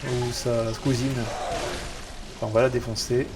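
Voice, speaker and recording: French male streamer, mid-pitched, chatty and excitable, noisy stream audio. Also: moderate pace. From France. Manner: chatty, excitable, swears at setbacks. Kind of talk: casual game commentary.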